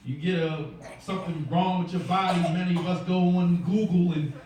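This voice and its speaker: A high-pitched man preaches in a large, echoing church, his voice captured from well back in the room. The congregation murmurs replies around him as he builds toward shouted peaks. The sound is distant and full of reverb. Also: fairly even intonation, moderate pace, a little hiss or hum. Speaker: minister. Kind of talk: call-and-response sermon. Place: church sanctuary. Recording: echoey church heard from a distance with congregation responses. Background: congregation calling back responses.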